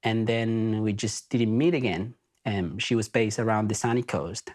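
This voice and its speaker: A man's voice: fairly low pitch, normal speed, a little mellow. A man from Argentina with an Argentine accent, hosting a podcast and telling his story in an earnest, reflective way. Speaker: podcast host. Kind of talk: casual spoken introduction.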